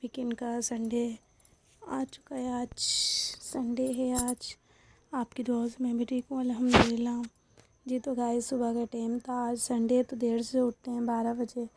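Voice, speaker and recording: Creaky-voiced woman chatting to viewers. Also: a little high, monotone, a little mellow. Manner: chatty, addresses viewers directly. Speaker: housewife vlogger. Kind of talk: casual home vlog chat.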